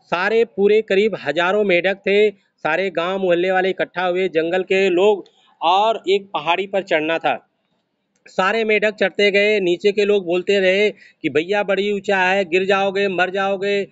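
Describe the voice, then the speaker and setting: A man's voice: high-pitched, no echo. A man giving a preachy motivational speech to an audience, repeating phrases for emphasis. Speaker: motivational speaker. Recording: dry, dull lo-fi sound.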